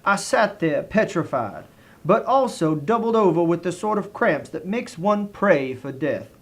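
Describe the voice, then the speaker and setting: A man with a Southern US accent narrates in a fairly high voice. His delivery is genteel and theatrical, treating a comic review as a dramatic tale. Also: lively intonation, measured pace.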